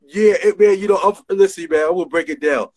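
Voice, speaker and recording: This man's voice is high-pitched, fast and a little mellow, with a New York area accent. He's a middle-aged New Jersey designer being casually interviewed over a phone video call in a small room, captured on the front camera, and he repeats himself emphatically amid street slang.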